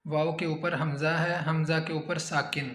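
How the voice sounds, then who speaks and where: Man going through quran recitation letter by letter, high voice, echoey room. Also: little pitch movement, a bit bright. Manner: slow, drawn-out chanting when reciting. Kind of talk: spelling out Arabic words letter by letter.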